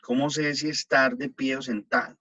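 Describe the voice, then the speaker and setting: A man, a priest, giving a relaxed talk on liturgy to a group and taking their questions, checking in often with his listeners. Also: mid-range voice, normal speed, lo-fi sound. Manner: conversational, checks in with "¿no?" and "pues". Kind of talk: informal teaching talk with audience questions.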